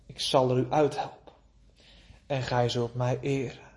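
A man preaching a sermon, pleading with his listeners and drawing out words between long pauses. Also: mid-range voice, flat delivery, a little mellow.

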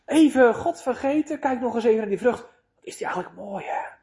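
A man voicing a smooth-talking male devil who tempts with soft, soothing words in a sermon. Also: extremely high pitch, brisk, voice pushed up, heavily acted. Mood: coaxing. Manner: coaxing, hushed and soothing.

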